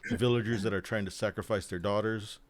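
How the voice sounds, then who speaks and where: A man's voice: fairly low pitch, fairly even intonation, fast, slight background noise. A man co-hosting a casual chat about board games, joking and laughing often, trailing off mid-thought. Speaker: co-host, board game designer.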